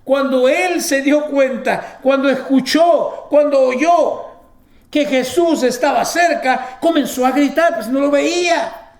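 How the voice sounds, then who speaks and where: A man's voice: very high-pitched, slow pace, reverberant. A man preaching a sermon, reading scripture aloud and breaking in with emphatic exclamations.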